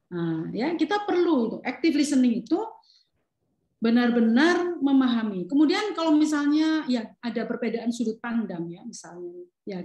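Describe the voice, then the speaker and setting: A woman's voice: high-pitched, mellow, roomy sound. A middle-aged woman giving a parenting lecture, talking with the audience and acting out the lines of parents and children. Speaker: parenting seminar speaker.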